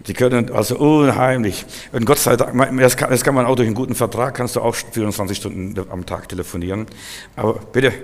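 Emphatic German preacher in a reverberant hall. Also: male voice. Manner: emphatic, swinging from loud outbursts to low asides; addresses listeners directly, repeats key words. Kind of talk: sermon to a congregation. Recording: long hall reverb of a church.

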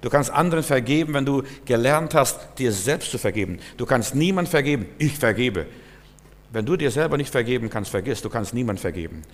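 Man preaching a sermon, mid-pitched voice, earnest and direct, echoing in a large hall. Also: animated, quick pace, few pauses. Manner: earnest, repetitive, addresses listener directly. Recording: long reverb, hall.

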